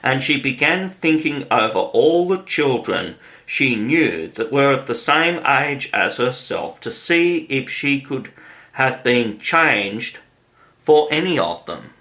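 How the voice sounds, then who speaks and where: A man reads a classic children's story aloud as audiobook narration. He takes a very slow, deliberate pace at a middle pitch, unhurried and even. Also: low-quality recording. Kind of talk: scripted narration.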